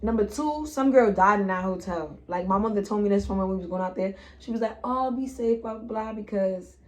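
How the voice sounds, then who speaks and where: A woman's voice: medium pitch, fairly quick, a little mellow. A young woman, telling a trip story in casual slangy chat and acting out her friends. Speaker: vlogger.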